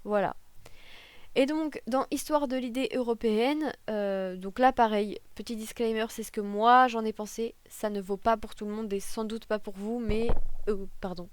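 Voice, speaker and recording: A woman's voice: on the high side, fairly even intonation, moderate pace. A young woman talking to camera about her university classes in a chatty, unscripted way, with many fillers, self-corrections and joking asides, into a desk microphone. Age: young adult. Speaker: political science student. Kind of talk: casual talking-head vlog.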